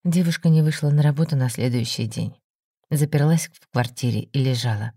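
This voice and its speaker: A woman narrating a story for an audiobook in a steady, even manner. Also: a bass voice, fairly quick, no room sound, clean studio sound.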